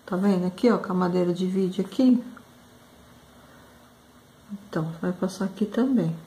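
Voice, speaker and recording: Painting on her craft channel, this woman tells a story in a fairly low, dark voice at a moderate pace. Her delivery is emotional and full of exclamations, and she often calls out to viewers as "gente."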